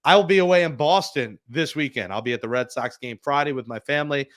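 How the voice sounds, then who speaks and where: With a mid-range, fairly bright voice and a fast delivery, a podcast host banters through a casual sports episode. He's self-deprecating and humorous, especially when he stumbles over foreign names and words.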